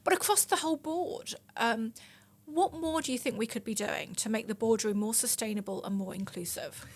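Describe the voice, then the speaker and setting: Podcast host: woman with a fairly high voice, supportive and chatty interviewer. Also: moderate pace. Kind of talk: conversational interviewing.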